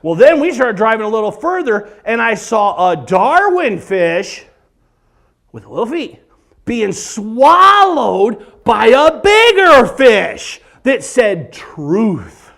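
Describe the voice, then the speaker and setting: A middle-aged man doing stand-up comedy for a church audience, animated and exaggerated, breaking into sudden shouts. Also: extremely high pitch, slow pace, gravelly. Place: church event hall before a live audience.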